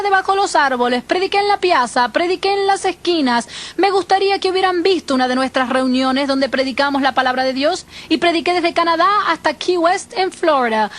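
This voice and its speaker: A woman preacher telling her first-person testimony in an expressive, dramatic storytelling manner. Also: extremely high pitch.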